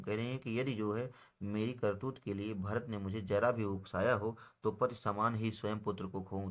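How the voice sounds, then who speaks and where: A male teacher explaining a poem line by line. He recites each verse slowly, then restates it in plain words, and addresses viewers as friends. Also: lowish voice. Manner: addresses viewers as friends, with frequent filler phrases.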